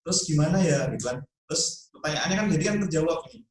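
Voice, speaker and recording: A man hosting a question-and-answer talk, reading out viewer questions and affirming his guest briskly. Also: on the high side, very echoey, rough recording. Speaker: host.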